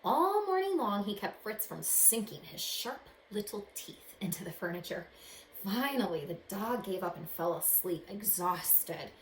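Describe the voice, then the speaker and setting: A woman with a medium-pitched voice and big swings in pitch reads a picture book aloud to children, the way a teacher would. She reads dramatically, stopping now and then to ask her young listeners questions. The room has a roomy echo and faint background noise.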